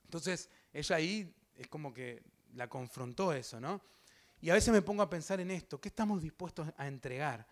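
High-voiced Rioplatense man preaching a testimony. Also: expressive, normal speed. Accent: Rioplatense Spanish. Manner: vivid storytelling with sound effects and acted quotes; addresses the congregation directly. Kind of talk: sermon testimony.

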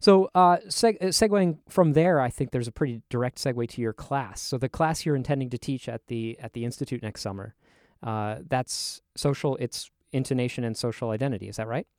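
Man interviewing academics, mid-pitched, dry sound. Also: fairly quick, a little mellow, dry recording. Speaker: interviewer, fellow linguist.

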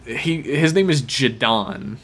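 A man co-hosting a podcast, giving a casual recap in a halting, hesitant way. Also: mid-range voice, animated, breathy edge. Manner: hesitant, halting, frequent pauses. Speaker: podcast co-host.

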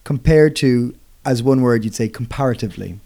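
A man's voice: medium pitch, moderate pace, warm tone. A young man co-hosting a podcast that teaches English through casual chat. He rambles, corrects himself mid-sentence and laughs often. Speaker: podcast co-host.

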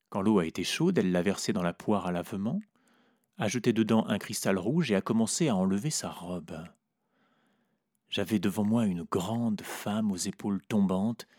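A man narrating a literary story in a measured, reflective way. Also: on the low side, a little mellow, no echo, clean studio sound.

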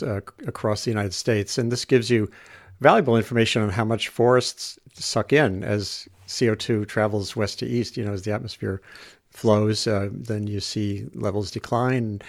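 A man explaining things casually as a journalist in a podcast discussion, halting and digressive, often rephrasing as he goes. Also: on the low side.

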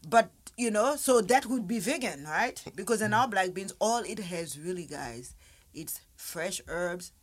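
A woman's voice: mid-range voice, expressive, unhurried. A woman from Haiti, a restaurant owner, chatting casually as a guest and often repeating her words. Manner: chatty, repeats words, tells little stories. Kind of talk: casual interview chat.

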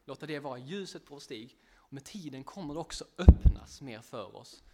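A man's voice: medium pitch, expressive, heavy background noise. A man preaching a casual sermon, chatting directly with listeners, often laughing and poking fun at himself.

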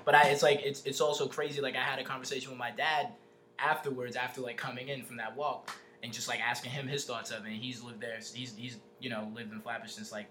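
Man, from Brooklyn, middle pitch, informal conversation, halting filler-heavy phrasing, faint ambient noise. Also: flat delivery, bright, forceful tone. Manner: hesitant phrasing, peppered with "like" and "you know". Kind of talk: casual chat. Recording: some background ambient noise.

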